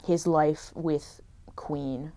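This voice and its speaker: A woman's voice: deep voice, steady tone, extremely slow, dark tone. A young adult woman co-hosting a podcast, chatting casually about a film and filling her talk with "like". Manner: chatty, lots of "like" fillers. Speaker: podcast co-host reviewing a film. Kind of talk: casual chat.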